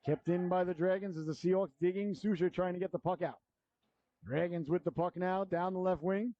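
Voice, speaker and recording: A middle-aged man calling live hockey play-by-play as an announcer, folksy and excitable, with colourful slang. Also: high-pitched, a little fast, highs cut off.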